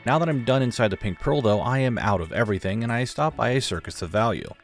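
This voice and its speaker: A young man narrates his gameplay in an informal, joking way. His voice sits at an average male pitch, with faint music underneath. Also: animated, quick pace. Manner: informal, joking, occasional swearing. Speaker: gaming video creator. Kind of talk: casual scripted gameplay recap narration.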